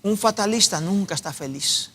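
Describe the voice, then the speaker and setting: A middle-aged pastor delivers an earnest sermon, exhorting and telling stories. His voice sits high and bright. It carries with a long echo through the church hall. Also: expressive, normal speed.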